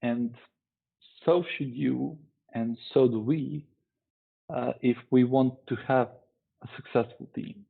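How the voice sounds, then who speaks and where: Slow, husky man giving a tech talk. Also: mid-range voice, fairly even intonation. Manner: measured, deliberate delivery with pauses. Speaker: conference speaker. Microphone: online talk stream. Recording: tinny phone-like online stream audio.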